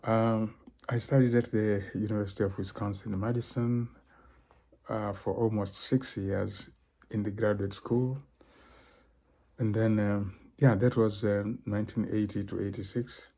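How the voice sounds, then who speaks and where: An older man from Tanzania giving a solo talk as a professor and cultural consultant, halting, with many fillers and throat-clearing. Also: lowish voice, steady tone, warm tone.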